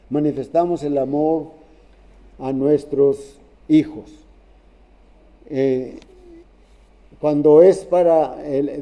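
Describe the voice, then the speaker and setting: A man preaching a sermon in a halting way, restarting phrases and often checking in with "¿verdad?". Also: on the high side, mellow.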